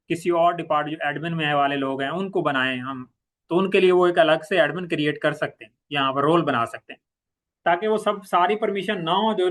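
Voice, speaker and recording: Fairly high-pitched, this Urdu-speaking trainer with a Pakistani accent walks through software step by step in an informal tutorial. He mixes English terms into his speech and keeps repeating the key points.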